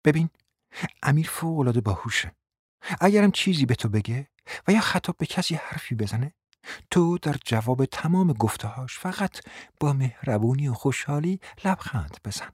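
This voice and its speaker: A man's voice: animated, breathy edge, no echo, clean studio sound. A man playing a domineering scornful woman. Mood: contemptuous. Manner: shrill scolding, sharp commands and insults. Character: domineering scornful middle-aged woman, bossing her husband. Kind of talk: audiobook dramatic reading.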